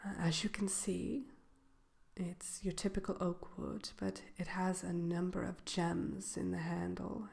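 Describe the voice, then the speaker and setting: A woman voicing the Wicked Witch as a haughty yet gracious shopkeeper in a soft ASMR role-play, genteel and coy, often slipping into a whisper. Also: fairly low pitch. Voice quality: creaky, breaking into whisper. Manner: unhurried, hesitant pauses, genteel, coy.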